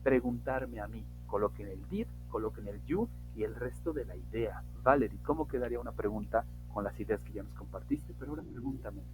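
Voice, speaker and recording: A man teaching English in an online class, slowly and emphatically modeling example sentences. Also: mid-range voice, over music, rough recording.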